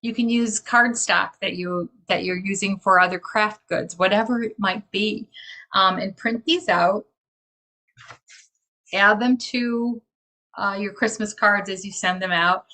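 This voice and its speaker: A woman's voice: medium pitch, steady tone, measured pace, bright, forceful tone. A woman enthusiastically explaining a crypto gift card in casual talk on a video call, gushing as she goes. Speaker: crypto community organizer.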